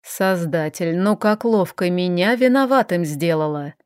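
A woman voicing a calm, dry-witted male vampire advisor who speaks evenly and unhurriedly in an audiobook. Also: lowish voice, smooth, dry recording, natural voice. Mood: calm teasing. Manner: even, unhurried, teasing.

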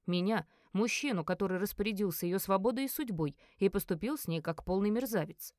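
A woman reading a first-person fantasy audiobook in an expressive narrating voice. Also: medium pitch, fairly quick, dry recording, clean studio sound. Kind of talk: scripted narration.

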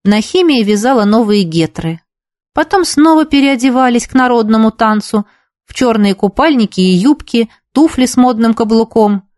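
A woman narrating an audiobook in a steady, even reading manner. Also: fairly high pitch, moderate pace, no echo, clean studio sound.

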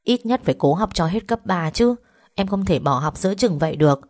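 A woman's voice: on the low side, animated, a little fast, a little mellow. A woman voicing an eighteen-year-old village girl, earnest and polite, who pleads and insists with her family. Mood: firm.

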